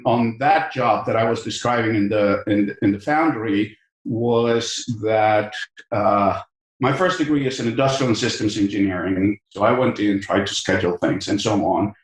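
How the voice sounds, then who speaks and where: A middle-aged man with a Mexican accent appears as a guest on a podcast, a business school professor who speaks thoughtfully, often using fillers and repeating words. His pitch is medium and his pace measured, and the room is echoey.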